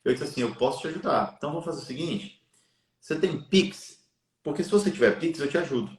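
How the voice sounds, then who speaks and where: A man's voice: a little high, animated, fast, reverberant. A man telling a long personal story in a live chat, drawing a lesson about giving and faith in an earnest, preachy way. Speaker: live stream guest.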